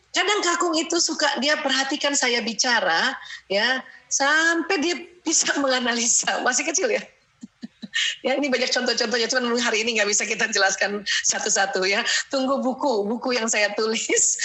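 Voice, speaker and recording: A middle-aged woman speaking at a parenting seminar, lively and laughing often, dropping "ya" between her sentences. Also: fairly high pitch, rough recording. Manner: peppers sentences with "ya". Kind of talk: seminar talk to an audience.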